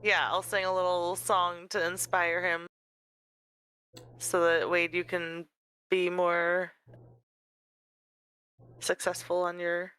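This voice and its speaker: A woman speaks slowly as a player in a tabletop game, in a friendly, unhurried way. Her voice is bright and remarkably clear, and it sits fairly low in pitch. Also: flat delivery, dry recording, low-quality recording.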